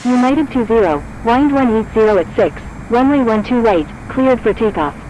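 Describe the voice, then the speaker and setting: A woman's voice: a little high, expressive, moderate pace, darkish tone, dull audio, lightly acted. Woman as clipped air traffic control radio voice. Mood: procedural. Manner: clipped, formulaic, scripted delivery. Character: brisk procedural airport tower controller.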